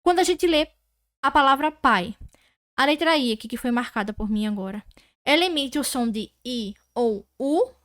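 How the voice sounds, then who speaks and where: A Brazilian woman teaching an online Portuguese grammar lesson, patiently repeating words slowly and checking that students follow. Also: high voice, lively intonation, a bit bright, no room sound, studio quality.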